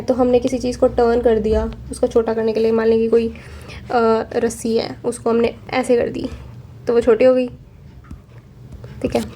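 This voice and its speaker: An Indian woman in her young adult years gives a vocabulary lesson at a steady, patient pace. Her voice sits fairly high and stays flat and even in tone, warm rather than bright. Faint background noise runs under the recording. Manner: explains each word slowly and repeats "ठीक है". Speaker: vocabulary teacher. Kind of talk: exam-prep vocabulary lesson.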